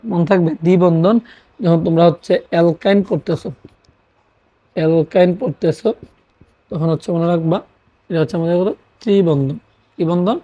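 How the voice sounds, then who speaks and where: A teacher gives a steady classroom lecture in a mellow, relaxed tone. They repeat each key term and pose questions they answer themselves. The recording sounds a little dull and lo-fi. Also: mid-range voice, brisk, long pauses. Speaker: chemistry teacher.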